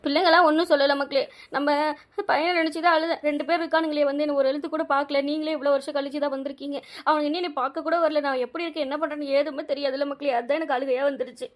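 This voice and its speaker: A woman's voice: high-pitched, fairly even intonation, rapid-fire, natural voice. A woman voicing a sorrowful old village grandmother who talks in a plaintive, complaining way.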